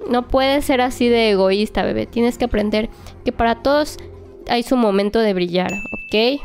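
Young woman babysitting her dolls out loud, excited and chatty, kinda high voice. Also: moderate pace, faint music behind. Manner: animated, talks to toys like a babysitter, exclamatory. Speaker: toy play vlogger. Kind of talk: playful narration of doll play.

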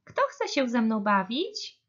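A woman's voice: a little high, big pitch swings, takes it slowly, a bit bright, muffled recording, pitched above the performer's own voice, exaggerated voice. A woman voicing a small, cheerful, playful male bear cub in a children's storybook reading, eager and coaxing.

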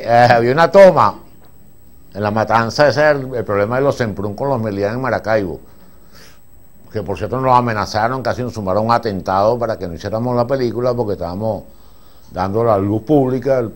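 An older man with a Venezuelan accent tells stories from film sets at a master class. His pitch sits in an ordinary middle range. He rambles and restarts, then gets animated as he retells the scenes. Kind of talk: anecdotal storytelling to an audience.

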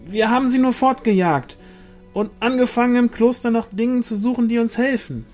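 A frightened village woman pleads shrilly, her voice pitched very high, as a man reading the book puts her on. She sounds urgent and anxious. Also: brisk, darkish tone, faint music behind. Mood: pleading.

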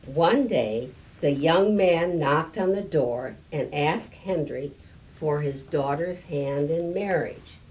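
A story time reader, a woman aged 70 or older, reads a picture book to children slowly and with slight hesitations, pausing to offer small explanations. Her voice is fairly low in pitch with a darkish tone. The clip comes from an indoor library room with a stone fireplace, captured by a camera several meters off, which gives it a distant sound with room noise.

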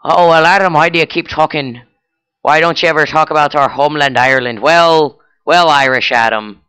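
A man's voice: mid-range voice, slow pace, sharp tone, clean tone. A man voicing a pushy male friend who teases and prods him during a joke skit in his game commentary. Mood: teasing.

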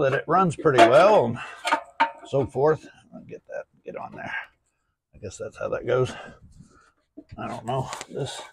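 A man working on an old car outdoors, talking to himself with dry jokes as he works. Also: medium pitch. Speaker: garage vlogger. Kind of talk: casual working commentary. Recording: noisy outdoor recording with engine and ambient noise. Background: outdoor ambience and car engine noise.

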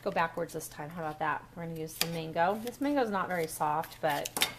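A woman's voice: deep voice, fairly quick, background noise. A woman walking through a recipe step by step in a casual kitchen demo at a home counter, recorded on the camera mic. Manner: chatty, step-by-step instructions. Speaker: cooking vlogger.

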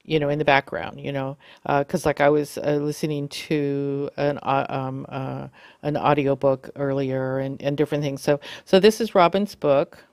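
A woman giving a casual how-to demonstration, talking haltingly with many fillers and self-corrections. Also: very deep voice, steady tone, a little mellow, no echo. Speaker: video tutorial host.

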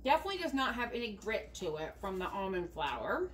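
Filmed by an overhead camera above the counter, a woman from the United States gives a cooking demo in her home kitchen, chatting her way through every step. Her mid-range voice swings widely in pitch and moves briskly, and there's a faint hiss or hum in the recording.

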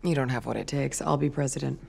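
An actress playing a cool, sardonic young survivor with a deadpan delivery in a comedy film. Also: female voice, a bass voice, quick pace, gravelly, exaggerated voice. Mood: deadpan, smug. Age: young adult.

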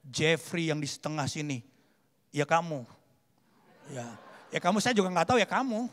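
High-voiced pastor in a hall. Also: male voice, expressive, moderate pace. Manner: shifts from loud fervent preaching to low chatty asides. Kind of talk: sermon. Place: large convention hall. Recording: long hall reverb.

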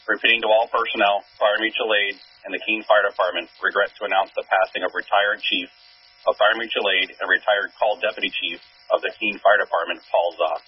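Low-voiced man on dispatch radio. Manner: measured, steady reading. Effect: dispatch radio transmission. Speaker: fire dispatcher. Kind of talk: formal dispatch announcement. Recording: muffled scanner radio with faint hiss.

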